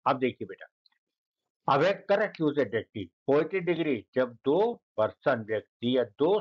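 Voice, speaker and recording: A man teaching a grammar lesson, who keeps calling his students "beta" and repeats and spells out each word slowly. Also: medium pitch, sing-song, dull audio.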